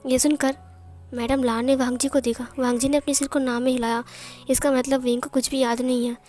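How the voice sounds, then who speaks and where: A woman tells a fan fiction story in a loose, casual way, often repeating phrases. Her voice sits high, and faint music plays underneath. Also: flat delivery, fairly quick, a little mellow.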